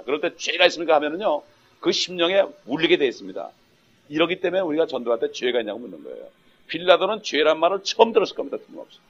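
A man's voice: medium pitch, fairly bright tone. A male pastor preaching a sermon emphatically, often breaking in with a questioning "eh?" to the congregation. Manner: emphatic, punctuates with rhetorical "eh?". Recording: dull lo-fi sound.

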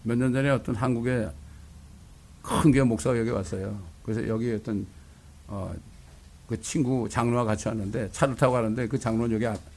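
A man's voice: mid-range voice, fairly even intonation, a little fast, darkish tone. A male pastor preaching a fiery, blunt sermon, with coarse insults thrown in.

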